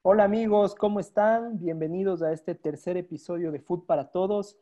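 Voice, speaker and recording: A man's voice: sits high, moderate pace, highs cut off, over loud music. A man hosting a podcast in casual chat, with friendly, brief interjections. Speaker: podcast host.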